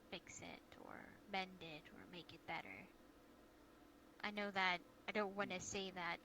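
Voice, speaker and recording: Over noisy online voice chat, a woman with a lowish, natural voice plays a guild leader in an improvised fantasy role-play. Her character is caring and cautious, and she speaks earnestly but with hesitation.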